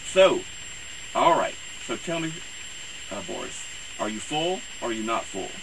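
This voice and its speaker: A man speaking as a campy horror host, introducing things in a rambling, halting, theatrical way. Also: mid-range voice, sing-song. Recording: clear hiss and background noise.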